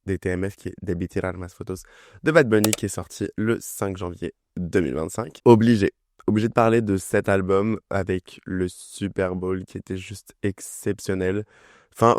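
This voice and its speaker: A young man talks about music in a casual, excited way, piling up fillers and repeating himself. His voice sits low, and the recording is dry and close with no room sound. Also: moderate pace, no room sound. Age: young adult. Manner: enthusiastic, chatty, full of fillers. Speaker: music review vlogger. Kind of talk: casual chat.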